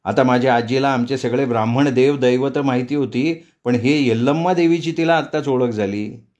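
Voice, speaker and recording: A man narrating a novel aloud in a measured storytelling manner. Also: medium pitch, darkish tone. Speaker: audiobook narrator.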